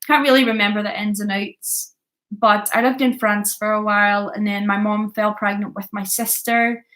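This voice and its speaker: Telling her personal story of addiction on a vlog, a Belfast woman in her early thirties speaks earnestly and candidly with a Belfast Northern Irish accent, repeating things to stress them. She's from Belfast, Northern Ireland. Her mid-range voice is steady, moderately paced and fairly bright as she shares confessionally, partly from notes.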